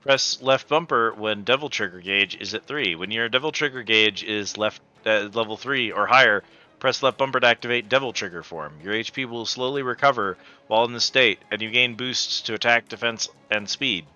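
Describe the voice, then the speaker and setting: A man's voice: medium pitch, moderate pace, pushed and bright, lo-fi sound. A man giving casual let's-play commentary, joking and swearing in slangy speech over game music. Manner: profane, jokey, slangy. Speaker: gamer playing and commentating.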